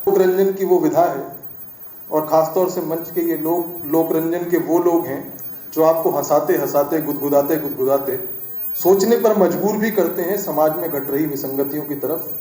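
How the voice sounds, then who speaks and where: A middle-aged male poet speaks to a live audience on a stage mic, his voice mellow and a touch high. He talks in an earnest, reflective way, building toward his poem. The large hall adds a roomy echo. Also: moderate pace. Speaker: satirical poet. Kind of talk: live address before a poetry reading. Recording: echoey live hall sound.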